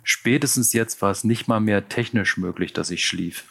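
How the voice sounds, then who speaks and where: A man with a fairly low voice reads a first-person audiobook. His delivery is measured and tense, in steady scripted narration. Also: vocal fry.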